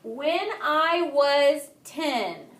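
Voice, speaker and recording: A young woman teaching Spanish grammar to a class, explaining lively and asking students questions. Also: sits high, extremely slow. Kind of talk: classroom lesson.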